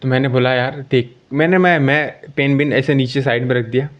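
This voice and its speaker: A man's voice: mid-range voice, brisk. A young man tells a story about his own exam casually, checking in often with the listener and correcting himself as he goes. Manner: conversational, with frequent "ठीक है" check-ins and self-corrections. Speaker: exam candidate sharing his experience. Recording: dull lo-fi sound.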